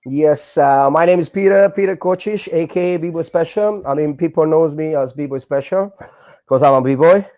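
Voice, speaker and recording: A man in his forties from Hungary with a Hungarian accent, telling his story in a casual interview with many fillers and halting non-native grammar. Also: fairly high pitch, warm tone, no echo. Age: 40s. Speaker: guest, breakdancer.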